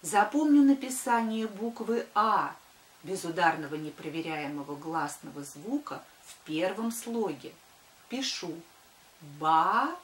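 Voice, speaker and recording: An older woman, a primary school teacher dictating to children deliberately and sounding out words by syllable. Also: on the low side, lively intonation, slight background noise. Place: small wood-panelled room indoors. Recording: echoey room.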